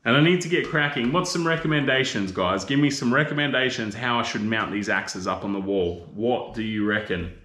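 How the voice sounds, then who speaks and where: A man's voice: mid-range voice, fairly quick, hardly any pauses, pushed and bright. Laid-back Australian man, roomy echo. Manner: laid-back and rambling, teasing viewers with slang like mate and bro. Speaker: livestream host. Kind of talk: casual live chat with viewers.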